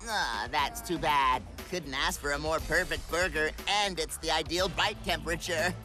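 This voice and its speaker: An actress voicing a vain, childish cartoon villainess, bossy and petulant with a theatrical, drawn-out delivery. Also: female voice, low voice, music in the background, natural voice. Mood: smug. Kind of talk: English-dubbed cartoon acting.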